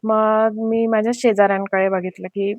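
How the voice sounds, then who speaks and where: A young woman vlogger telling a frightening personal story in a casual, anxious way, with many fillers and pauses. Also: mid-range voice, flat delivery, darkish tone, no room sound, lo-fi sound.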